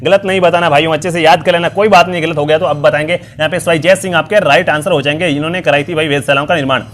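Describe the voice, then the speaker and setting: Against slight background noise, a young man with a fairly bright, high-leaning voice races along in fairly even intonation. He's an online exam-prep teacher running a live quiz, upbeat and repetitive in his questioning, with frequent fillers; his voice is strained and worn from being ill and talking for hours.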